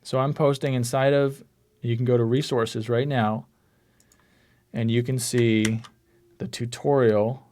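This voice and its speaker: A man's voice: mid-range voice, fairly even intonation, unhurried, long pauses, darkish tone, slight background noise. Guy running an online coding class on a call, laid back, talks thru his clicks, mid voice. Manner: casual, narrates his screen clicks as he goes. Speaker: course instructor. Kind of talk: live online class walkthrough. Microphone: computer mic on a video call.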